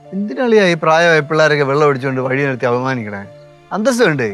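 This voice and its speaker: A sensible, firm uncle who scolds and reassures in quick, brisk speech. His voice sits a little high for a man, with faint music under the scene. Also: sing-song, a bit bright. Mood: scolding. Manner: scolding, reasoning. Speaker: maternal uncle. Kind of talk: sitcom acting.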